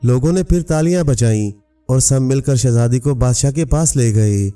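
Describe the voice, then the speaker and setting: Brief: male storyteller, mellow dark voice, set back from the mic with faint music. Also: mid-range voice, normal speed, distant mic. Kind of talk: scripted storybook narration.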